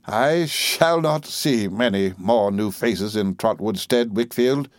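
A man voicing a kindly, cheerful elderly schoolmaster with a gentle, genial manner. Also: lowish voice, takes it slowly, dry recording, clean studio sound.

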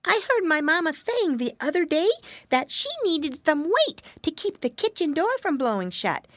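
A curious little boy piglet from a children's storybook, played by a woman reader. His voice sits high and chirpy above the narrating voice, bouncing up and down as he speaks. He talks earnestly, like a small child. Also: very animated, moderate pace, fairly bright tone, no echo, clean studio sound. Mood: cheerful.

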